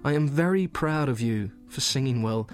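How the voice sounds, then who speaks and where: An actor giving a gentle, earnest reading as a young soldier writing love letters to his sweetheart from the front. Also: mid-range voice, animated, moderate pace, faint music behind, lightly acted. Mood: tender. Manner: earnest, gentle, softly intimate.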